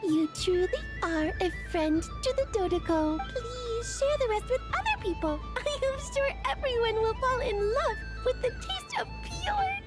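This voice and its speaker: Casting: cheerful stuffed-bunny toy creature for a game, childlike squeak, extremely high and animated. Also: female voice, a little slow, few pauses, exaggerated voice. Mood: delighted. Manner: bubbly, exclamatory, sweetly formal. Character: cute, fluffy-tailed little Dodoco creature, cheerful and polite. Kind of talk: video game character acting. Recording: music behind the voice.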